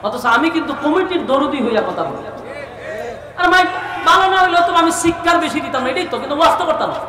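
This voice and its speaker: A preacher giving an Islamic sermon, chanting verses in a drawn-out way and throwing rhetorical questions at the audience. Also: male voice, very high-pitched, expressive. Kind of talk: Islamic sermon at an outdoor gathering. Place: large open-air religious gathering. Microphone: public address microphone. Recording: roomy, echoey PA sound from far, with crowd and noise.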